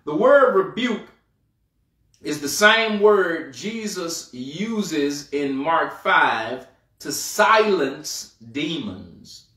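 High-voiced preaching pastor, echoey church. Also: male voice, expressive, drawn-out words, sharp tone, far from the mic. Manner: preaching with rising and falling emphasis, dropping low at phrase ends. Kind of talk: sermon.

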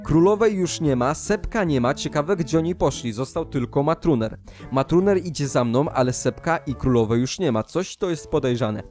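A young man giving excited commentary over his gameplay, often jumping into high, loud outbursts. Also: normal speed, faint music behind. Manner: animated, jumps into high excited shouts. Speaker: Minecraft YouTuber.

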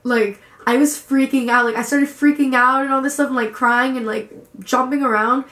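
A woman's voice: high-pitched, fairly even intonation, moderate pace, a bit bright, reverberant. A young woman vlogger telling a story in a gushing way and saying "like" a lot. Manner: gushing, lots of "like". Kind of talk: casual vlog storytelling.

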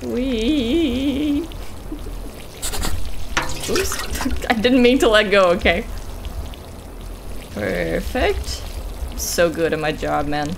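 Jumpy high-voiced woman streaming a horror game. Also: very slow, creaky, pauses often, background noise. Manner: playful, swearing, sarcastic. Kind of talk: casual let's-play commentary. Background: game music.

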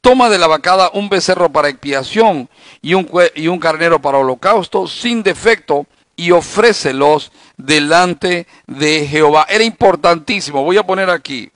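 Man pastor, Bible study sermon, fairly high voice, dry close mic, storytelling with rhetorical questions. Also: lively intonation, normal speed, a bit bright, no echo. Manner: conversational preaching with anecdotes and rhetorical questions.

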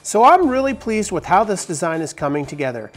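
Speaking a little fast in a high, very animated voice, a woodworking host in his forties narrates a step-by-step tutorial. He's on a lapel mic in a large workshop with wooden walls. His tone is upbeat, and he opens sentences emphatically.

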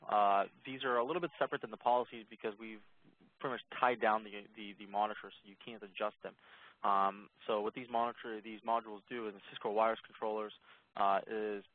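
A man walking listeners through a software demo in a webinar, speaking in a monotone with plenty of ums and uhs. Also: lowish voice, quick pace. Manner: monotone, self-described; relaxed, many ums and uhs. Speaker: product presenter. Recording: tinny phone-line audio.

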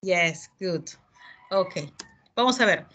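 On a video call, a patient English teacher calls on students during her online class. She speaks slowly, switching between Spanish and English, in a lowish, animated voice with a fairly bright tone.

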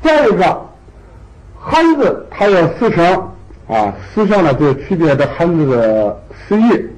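Male teacher with a high, lively voice, patient, repeats his points. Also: rough recording. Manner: patient, repeats key points with drawn-out particles. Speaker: language teacher. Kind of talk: classroom lecture.

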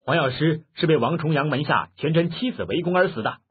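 A man's voice: fairly high pitch, lively intonation, brisk, breathy edge. A man playing an indignant old master. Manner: indignant, sharp. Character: proud, angry old male martial master. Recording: muffled phone-like lo-fi audio.

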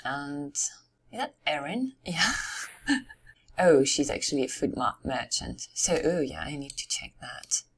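Woman doing chill lets play commentary, low slow voice, kinda hoarse, losing her voice, thinking out loud. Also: very animated. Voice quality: somewhat hoarse. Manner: unhurried, musing aloud to herself. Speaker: gamer narrating her game. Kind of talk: casual let's-play commentary.

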